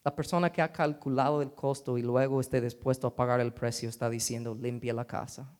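A man's voice: medium pitch, fairly even intonation, quick pace, a little mellow, clean tone. Pastor guy preaching, chatty, keeps asking the church questions, whispers the quotes. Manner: conversational preaching, asks the crowd questions; whispers quoted lines for effect. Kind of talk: sermon.

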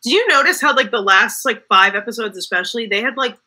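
Young female co-host, bright and animated, chatty and quick, pitched a little high. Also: husky. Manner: animated, quick, laughing often. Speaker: podcast co-host. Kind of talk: casual chat about a TV series.

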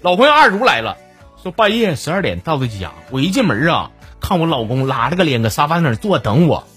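A male host with a Northeastern Chinese accent tells jokes and reads out listener messages, laughing at his own punchlines. His voice sits high and swings widely. Music plays underneath. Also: very animated, fast, a bit bright, slightly rough. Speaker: comedy podcast host. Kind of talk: comic storytelling and reading listener messages.

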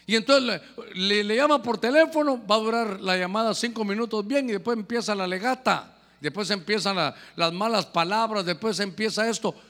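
High, bright-voiced preaching man. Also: fairly quick, hardly any pauses, in a large hall. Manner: animated preaching, questions to the congregation. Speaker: pastor. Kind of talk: sermon.

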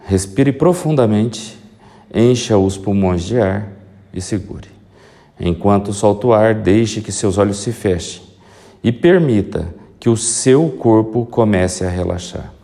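A man leads a guided hypnosis relaxation with slow, soothing instructions, like a sleep story narrator. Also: on the low side, gravelly, dark tone. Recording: music behind the voice. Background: prominent music.

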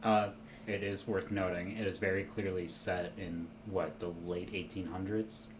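A man's voice: deep voice, little pitch movement, normal speed, background noise. A man in casual podcast chat, making wry jokes and swearing freely.

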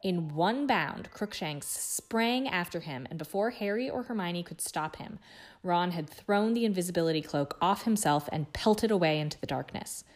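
A woman reading a book chapter aloud in a hushed, suspenseful way. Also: on the low side, expressive, normal speed. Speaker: guest reader.

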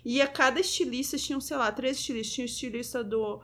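A woman co-hosting a casual podcast with a bright, slightly high voice. She rambles, restarts her sentences and fills pauses as she talks. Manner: rambling, with many restarts and fillers. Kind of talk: casual chat.

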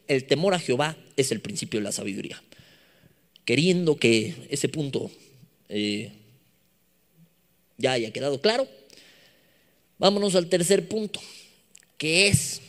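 A young man with a Mexican accent preaching a sermon to youth, animated and mixing playful slang with scripture. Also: mid-range voice. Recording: long echoing reverb of a hall.

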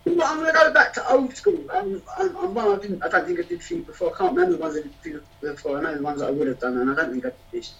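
High-voiced man performing rhyming spoken word. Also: very animated, very fast, few pauses, a bit bright. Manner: rhythmic rhyming delivery, hesitant with fillers between poems. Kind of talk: spoken-word poetry performance and casual chat. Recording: distant, dull lo-fi sound.

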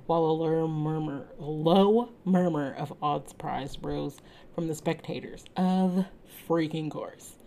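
A woman reading a story aloud in a casual way, steady and measured, now and then breaking off to comment. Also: low voice, slight background noise, rough recording. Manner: reads steadily, breaks off to laugh and make asides. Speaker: reader.

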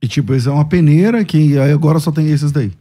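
A man's voice: fairly high pitch, fast, mellow. A Brazilian man hosting the interview as a pastor, reacting with short interjections in casual chat. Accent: Brazilian Portuguese.

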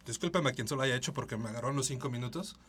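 A man's voice: mid-range voice, rapid-fire, over a noisy crowd. A man with a Mexican Spanish accent telling slangy, joking stories in casual chat.

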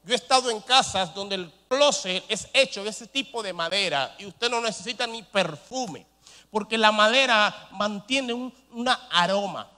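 A male pastor preaching a sermon, asking rhetorical questions and swinging between loud rises and soft drops. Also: high-pitched, normal speed. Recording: long hall reverb.

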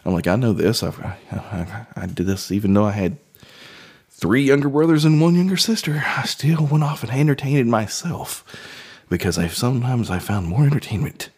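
A man's voice: medium pitch, normal speed, darkish tone, husky. A man hosting a casual solo podcast, sounding a bit congested, rambling playfully from one tangent to the next and slipping into silly voices. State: slightly congested. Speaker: podcast host. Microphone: studio microphone.

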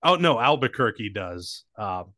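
A man's voice: fairly low pitch, sing-song, unhurried, bright, forceful tone, no room sound, studio quality. Crude, joking male podcast co-host. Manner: joking, crude, riffs with silly bits. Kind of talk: casual comedic banter.

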